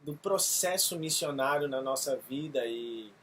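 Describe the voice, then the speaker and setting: A missionary pastor tells his testimony earnestly, often pausing on fillers. His voice sits at an ordinary pitch for a man. A faint hiss of room noise stays under his words. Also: fairly bright tone. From Brazil. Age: 30s. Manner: earnest, halting with frequent fillers. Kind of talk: testimony video.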